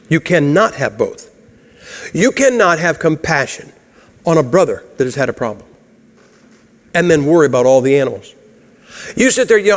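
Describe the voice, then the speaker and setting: A man preaching a sermon in a church, blunt and emphatic, chuckling through his stories. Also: a little high. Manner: humorous, chuckles through anecdotes. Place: church sanctuary. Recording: long hall reverb.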